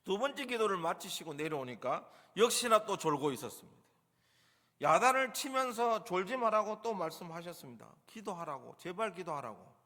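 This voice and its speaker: A man preaching a sermon as pastor in a church, dramatizing quoted lines with lively voices. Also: high voice, normal speed, long reverb tail. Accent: Gyeongsang dialect in acted asides. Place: church sanctuary.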